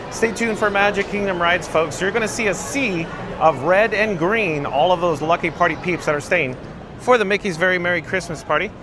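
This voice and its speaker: A man's voice: high voice, noisy background. A man hosting a casual live vlog outdoors at a theme park, with chirpy, playful, folksy patter. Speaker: livestream vlog host. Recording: busy outdoor crowd with background music.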